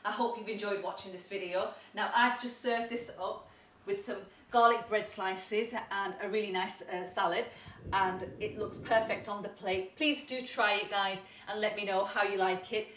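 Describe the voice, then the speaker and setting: In her home kitchen, a woman hosts a cooking channel, demonstrating a recipe while chatting casually and encouragingly and calling her viewers "guys." Her medium-pitched voice is steady, a bit bright, and at normal speed. The roomy, off-mic recording sounds slightly dull, with a little background noise.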